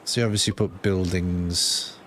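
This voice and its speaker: A man's voice: sits low, little pitch movement, normal speed, fairly bright tone, slight background noise. A man with a Scottish accent doing casual gameplay commentary, sweary and thinking aloud as he plays. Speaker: game streamer.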